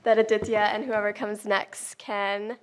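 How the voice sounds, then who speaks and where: A young woman, the student representative on a school board, slowly and gratefully thanking the board at a meeting. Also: medium pitch, little pitch movement. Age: young adult. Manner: slow, grateful and warm. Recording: loud clicking noise over the voice.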